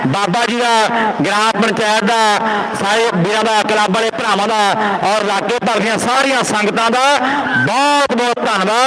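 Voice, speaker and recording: A man giving excited rural sports commentary on kabaddi, repeating words in chant-like calls. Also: extremely high pitch, very noisy. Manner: rapid-fire repetition of words and phrases, chant-like calls. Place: outdoor village sports ground.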